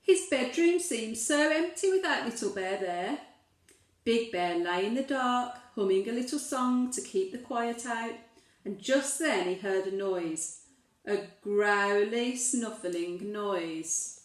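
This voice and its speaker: In an animated, mid-range voice, a woman reads a storybook expressively to young children, pausing to ask the listeners gentle questions. The sound is roomy.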